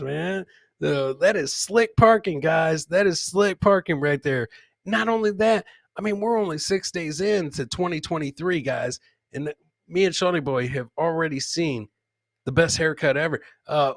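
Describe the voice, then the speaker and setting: Several beers into a live comedy podcast he's hosting, a man reacts to clips and chat in a jokey, informal way, echoing his own phrases. His voice is high-pitched and a bit bright, recorded with no echo.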